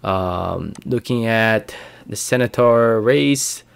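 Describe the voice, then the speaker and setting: A man's voice: on the low side, slow pace, gravelly, clear, resonant tone. A young man from the Philippines giving casual vlog commentary, talking hesitantly with many fillers and restarts. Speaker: YouTuber.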